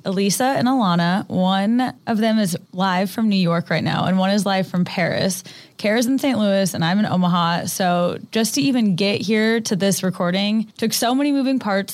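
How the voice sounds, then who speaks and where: Woman, podcast co-host, casual chat, enthusiastic, mid-pitched voice. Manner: enthusiastic, gushing.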